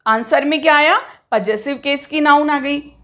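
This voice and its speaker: A woman's voice: sits high, moderate pace, pushed and bright. A woman teaching an English grammar lesson to students, mixing Hindi with English terms and patiently asking questions that she then answers herself.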